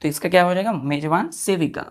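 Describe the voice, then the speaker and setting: A grammar teacher with a fairly low voice talks a little fast. She spells words letter by letter, says every answer twice, and repeatedly asks whether her students have understood.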